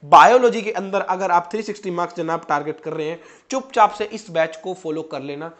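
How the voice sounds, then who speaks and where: A man's voice: sits high, fairly quick, fairly bright tone. A young man in his twenties, a medical student, giving chatty, direct exam-prep advice to students. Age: 20s. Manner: chatty, direct, addresses students as "janab" and "bhai". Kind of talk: casual exam-prep coaching talk.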